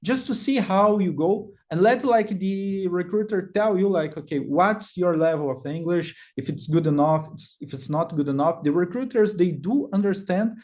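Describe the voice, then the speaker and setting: A man in his thirties with a Brazilian accent gives a casual webinar presentation, full of fillers and restarts. His voice is high with a darkish tone, moving at normal speed with few pauses.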